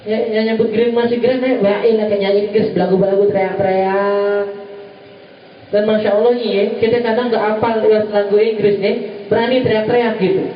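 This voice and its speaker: A man's voice: sits high, level tone, a little fast. A man giving a sermon at a religious gathering, teasing in casual slang and mimicking voices. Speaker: preacher. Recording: distant, roomy, dull lo-fi recording.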